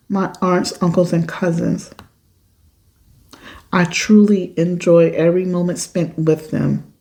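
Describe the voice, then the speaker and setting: A woman's voice: fairly low pitch, vocal fry, warm tone. A woman podcast host reading a listener's letter aloud and reacting to it in an emphatic, outspoken way. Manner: emphatic, outspoken, swears when upset.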